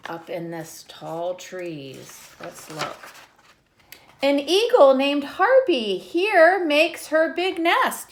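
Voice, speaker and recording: A woman with a mid-range voice reads a picture book to children in a teacherly style. She is expressive and drops in short asides to explain things to the little ones listening.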